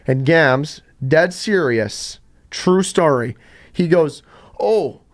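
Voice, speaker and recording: A young man hosting a casual podcast, telling stories in an animated way. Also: takes it slowly. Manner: animated storyteller, jumps to high pitch in quotes. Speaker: podcast host.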